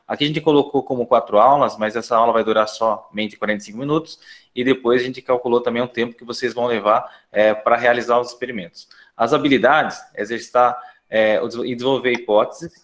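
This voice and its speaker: A man's voice: mid-range voice, a bit bright. Brazilian guy teacher on a call, medium voice, explains stuff with a few ums. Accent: Brazilian Portuguese. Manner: plain explanatory, with fillers. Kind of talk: online class lecture.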